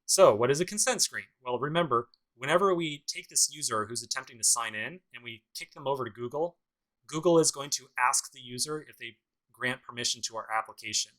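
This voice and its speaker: A man's voice: medium pitch, a little fast, a bit bright, poor audio. A man teaching a programming course in a casual screencast tutorial, talking through each step with dry sarcastic asides. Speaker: programming instructor.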